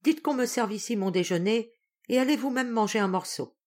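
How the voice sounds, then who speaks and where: A woman's voice: a little high, brisk, a little mellow, voice pushed up, lightly acted. A woman voicing a proud, touchy old general of sixty-three who barks orders in an audiobook reading. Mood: blustering. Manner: gruff, touchy, commanding.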